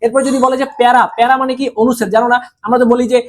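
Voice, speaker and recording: A young Bangladeshi-accented tutor rattles through an exam-prep lesson at a brisk clip. The teacher fires each word as a question, answers it, and repeats it for memorizing. The voice sits at an ordinary middle pitch and keeps a familiar, coaxing tone with the students. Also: flat delivery. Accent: Bangladeshi Bengali. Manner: scolds and urges students in a familiar tone. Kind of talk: recorded video class.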